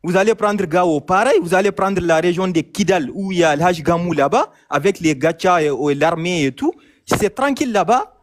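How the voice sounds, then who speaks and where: A man's voice: high voice, moderate pace. A man from Mali calling in, talking insistently with many hesitations and repetitions. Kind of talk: casual chat, phone-in debate.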